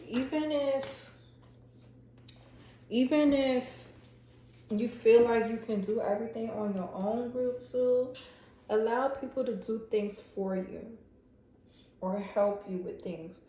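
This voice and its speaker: Woman tarot reader talking straight to her viewers, relaxed and chatty, recorded in a very echoey room. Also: on the high side, takes it slowly, pauses often. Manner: chatty, speaks straight to viewers, lots of "like" and "you know". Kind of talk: casual pick-a-card tarot reading.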